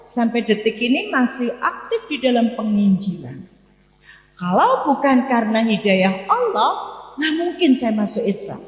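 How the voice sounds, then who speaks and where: An Islamic preacher in her sixties with a Javanese accent and a medium pitch gives a morning study lecture built around personal stories. Her delivery is emphatic and deliberate, marked by pauses and repeated phrases, recorded in an echoey hall with long reverb.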